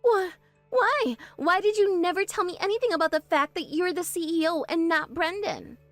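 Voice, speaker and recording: A spoiled young bride snaps and whines in a high, darting voice, as a woman acts her out. She is bossy and defensive, and her lines swing wildly in pitch. It is recorded close and dry over faint music. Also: animated, moderate pace, a bit bright, no room sound, exaggerated voice. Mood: flustered. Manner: shrill, demanding, defensive. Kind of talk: animated story voice acting.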